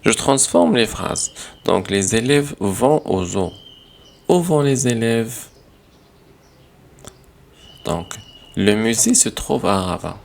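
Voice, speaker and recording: A man teaching a grammar lesson, going through exercises slowly and repeating sentences as he corrects them. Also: fairly low pitch, creaky.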